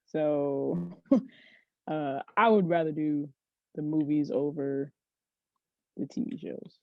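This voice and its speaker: A woman's voice: low voice, fairly even intonation, slow pace, vocal fry, dry recording. Woman guest chatting on a podcast, tells stories and laughs a lot, dull muffled recording. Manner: chatty storyteller, laughs often. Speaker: podcast guest, sports agency CEO. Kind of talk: casual interview chat.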